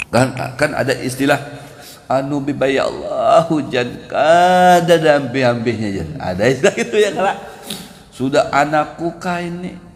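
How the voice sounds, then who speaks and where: A man's voice: medium pitch, expressive, unhurried. A man preaching at a dawn mosque gathering, who acts out prayers and laughs often as he speaks. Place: mosque hall. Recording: long hall reverb.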